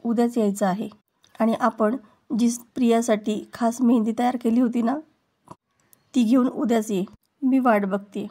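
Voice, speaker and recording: A woman's voice: on the high side, fairly even intonation, moderate pace, long pauses, mellow, lightly acted. A woman reading the lines of a young bride-to-be, firm, composed and pleading. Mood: determined. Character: calm, determined young bride-to-be.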